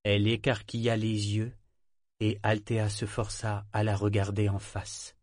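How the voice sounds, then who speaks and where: A man narrating an audiobook in a measured, expressive reading. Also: fairly low pitch, no room sound, studio quality. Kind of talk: scripted narration.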